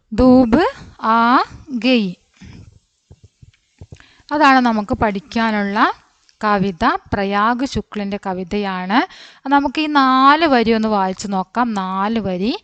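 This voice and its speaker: Patient woman teaching letters slowly. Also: medium pitch, fairly bright tone, no room sound, dull audio. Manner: slow, patient letter-by-letter explanation with questions to pupils. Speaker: Hindi teacher. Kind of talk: online language lesson.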